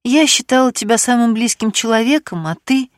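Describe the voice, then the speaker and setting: Meek abandoned woman, quiet and downcast, dry close audiobook read, done by the woman reader. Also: on the high side, animated, fairly quick, no echo, pitched above the performer's own voice, close to an everyday voice. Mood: dejected. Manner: subdued, quiet, sniffling.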